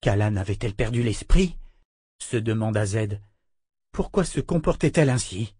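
A man narrating a dramatic fantasy novel as an audiobook, in a measured reading voice. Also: lowish voice, animated, a little mellow, slightly rough, no room sound, studio quality.

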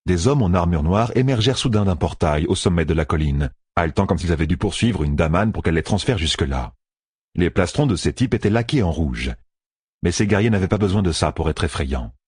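A man reading a fantasy audiobook in a measured, expressive storytelling voice. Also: sits low, breathy edge, no room sound, studio quality. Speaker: audiobook narrator. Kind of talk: scripted fantasy audiobook narration.

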